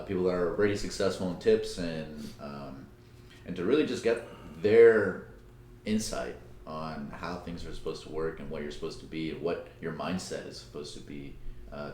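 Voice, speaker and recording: A very deep-voiced young man from Colombia talks loosely on a podcast, stumbling and repeating himself as he jokes. The room is echoey, with a faint hum of noise behind him. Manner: halting, repeats words, joking. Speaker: podcast co-host. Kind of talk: casual podcast chat.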